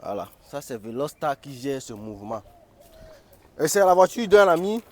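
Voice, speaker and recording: Cameroonian dude doing a car vlog, chatty and jokey, talking away from inside the car. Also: male voice, mid-range voice, very animated, moderate pace. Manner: chatty and joking, shows features as he goes. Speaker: car vlogger. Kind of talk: casual car review vlog.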